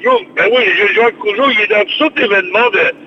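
A man's voice: sits high, fast talker. An older man with a Québécois French accent, chatting expansively on the radio by phone and repeating his words. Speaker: radio show host on the phone. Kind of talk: casual radio chat. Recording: dull lo-fi phone line with faint noise.

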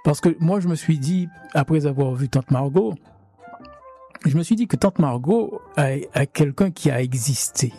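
A man's voice: on the high side, lively intonation, normal speed, warm tone, husky, faint music behind. A man hosting an interview, speaking in a hesitant, roundabout way. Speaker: radio interviewer.

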